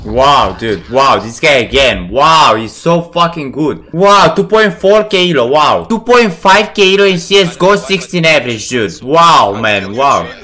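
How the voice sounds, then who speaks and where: Bright, lively man ranting over gameplay. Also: fairly high pitch, measured pace, hardly any pauses. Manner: complaining, swearing, exasperated outbursts. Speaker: streamer. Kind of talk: frustrated gaming stream chatter.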